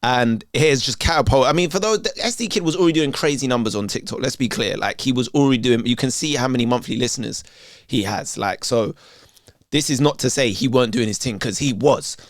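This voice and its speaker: A man's voice: mid-range voice, a little fast, no echo, studio quality. Chatty man giving a reaction. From England. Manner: chatty, streetwise, says "you know what I'm saying" often. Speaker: reaction video host. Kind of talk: casual reaction commentary.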